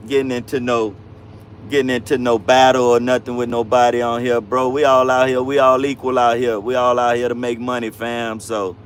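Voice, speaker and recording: A trucker in his fifties hosts a casual livestream, answering viewer comments in laid-back, slang-heavy talk and calling them bro and fam. His voice is medium in pitch, with slight background noise in the audio.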